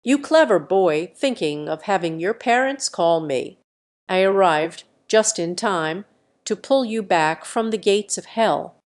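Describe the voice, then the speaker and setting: A woman reading the lines of a sly, scolding old male country healer in an audio story, with a gruff, teasing manner. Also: medium pitch, animated, measured pace, natural voice.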